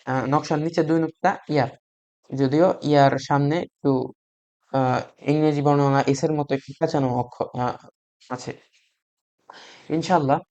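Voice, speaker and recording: A man teaching beginners to read Arabic letters, patient and repeating each sound slowly for learners to copy, with frequent hesitant fillers. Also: fairly high pitch, darkish tone, dull audio. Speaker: Quran reading teacher.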